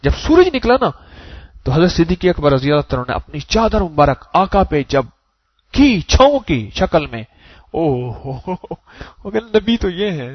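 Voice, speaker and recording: A man preaching an Urdu sermon with emotive swings between loud emphasis and soft low asides, sometimes reciting verse in a sing-song cadence. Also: very animated, dry recording, muffled recording.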